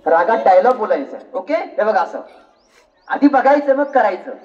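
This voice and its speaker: A man's voice: high-pitched, animated, moderate pace, darkish tone, far from the mic, lo-fi sound. A man teaching an acting workshop to children, giving directions and counting aloud in a coaxing, directive way. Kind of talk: instructing children in a class.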